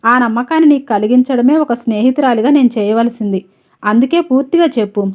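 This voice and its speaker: A woman's voice: fairly high pitch, a little fast, lightly acted. A woman reading the lines of a loyal, outspoken young woman who presses her friend with questions. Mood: urging. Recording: slightly dull, lo-fi audio.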